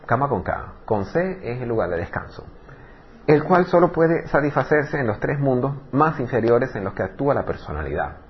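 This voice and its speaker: Man, spiritual teacher, animated lecture, rhetorical questions, slightly muffled recording, faint hiss. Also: mid-range voice.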